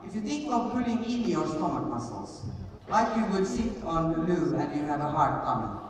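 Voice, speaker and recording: A middle-aged woman coaches riding at a live clinic, explaining and demonstrating hands-on while repeating short commands in a large indoor arena. Her low voice has a sing-song lilt at normal speed. Caught by a far-off audience camera, the sound is distant, heavily echoey, and noisy.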